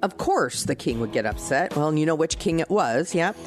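A woman's voice: low-pitched, animated, fairly quick, faint music behind. A woman hosting morning radio, chatting and telling the story of a saint in a teasing, friendly way. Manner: chatty, teasing, tells stories. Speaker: radio show host.

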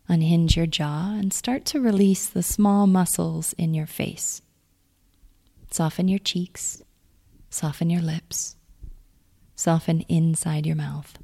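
A woman leading a calm guided grounding exercise, giving gentle, soothing instructions in a soft, near-whispered delivery. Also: fairly low pitch, slow, gravelly. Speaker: meditation guide.

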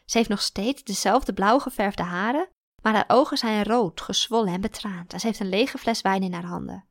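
A woman reading a first-person story aloud in a calm, even storytelling manner. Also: medium pitch, moderate pace, no room sound, studio quality. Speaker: narrator.

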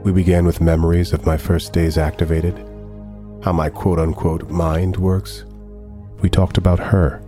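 Here the android character from the sci-fi audio drama is voiced by a man with a rumbling low, mellow voice. Formal, deliberate and measured, his delivery sounds proud and wistful, and the mood is reflective.

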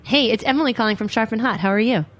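Woman host in casual, animated chat. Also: a little high, fast. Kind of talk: casual talk show chat.

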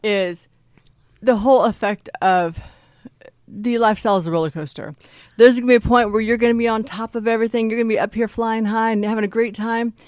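A woman's voice: fairly high pitch, steady tone, fairly quick, darkish tone, no echo, studio quality. A woman co-hosting a podcast in casual chat, telling stories in a chatty, giggly way. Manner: chatty storyteller, giggly, acts out quotes. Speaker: podcast co-host.

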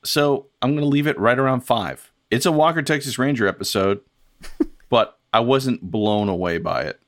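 A man co-hosting a podcast, chatting in a relaxed way with easy laughs. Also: mid-range voice, normal speed, no room sound, studio quality. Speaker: podcast co-host. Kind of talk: casual chat.

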